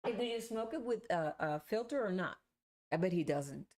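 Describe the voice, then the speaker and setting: A woman's voice: medium pitch, expressive, moderate pace, darkish tone. A woman co-hosting a casual live chat in a plain-spoken, conversational way. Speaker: livestream co-host.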